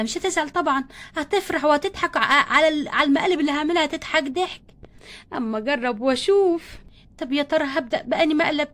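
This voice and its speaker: A woman's voice: high-pitched, close to an everyday voice. A woman with an Egyptian accent voicing a mischievous teen girl who plots pranks and mutters to herself in a doll play story. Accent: Egyptian Arabic. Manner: plotting, talks to herself.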